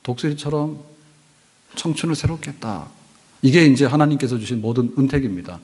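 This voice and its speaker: Korean pastor preaching in a reverberant church. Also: male voice, mid-range voice, a little fast, darkish tone, husky. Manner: conversational preaching with anecdotes and rhetorical questions. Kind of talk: sermon. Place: church sanctuary.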